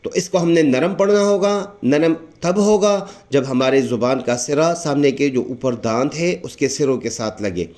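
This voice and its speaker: A man with a Pakistani Urdu accent giving a patient recitation lesson, explaining each letter and repeating it slowly and drawn out. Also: on the high side, darkish tone. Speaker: Quran recitation teacher.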